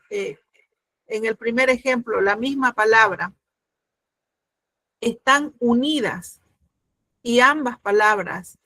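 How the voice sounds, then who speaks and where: A middle-aged woman teaching a grammar lesson, explaining patiently, often pausing with fillers and checking that students follow. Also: on the high side, sharp tone, dry recording.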